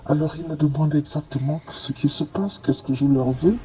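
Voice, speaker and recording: A man's voice: fairly high pitch, normal speed, darkish tone, rough recording. A man telling a first-person story in a hesitant way, with many fillers and restarts. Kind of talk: first-person testimony narration.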